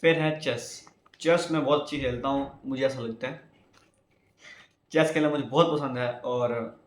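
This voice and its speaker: A young adult YouTuber from India chats casually with his viewers in a rambling vlog, often calling them "guys". His voice is medium-pitched with fairly even intonation and normal speed, and the recording is reverberant.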